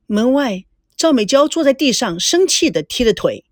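A woman host narrating a serialized story in an expressive, animated storytelling manner. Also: fairly high pitch, normal speed, no echo, clean studio sound, faint music behind.

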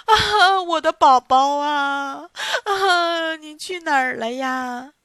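A woman voicing a careless, flustered young mother who calls out high and loud in a children's story. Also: big pitch swings, unhurried, dry recording, studio quality. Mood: frantic. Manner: frantic, high and loud, crying out.

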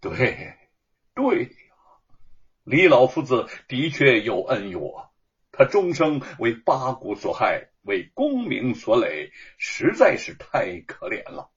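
A man's voice: mid-range voice, huge pitch swings, slow pace, slightly rough, lo-fi sound, exaggerated voice. A man voicing a stubborn, idealistic scholar. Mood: heartfelt. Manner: warm, heartfelt, stubborn. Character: Wu Cheng'en, stubborn idealistic male scholar-writer.

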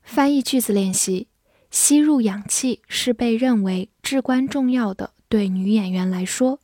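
A woman in gives a scripted vocabulary lesson at an unhurried, careful pace. She spells each word letter by letter and reads example sentences slowly. The recording is dry and close. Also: a little high, dark tone, no room sound. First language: Chinese. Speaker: English vocabulary teacher.

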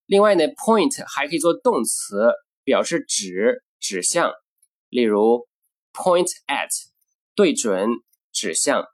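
Man teaching English phrases slowly. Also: mid-range voice. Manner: slow, deliberate model phrases, then explains in Mandarin. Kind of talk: scripted language lesson.

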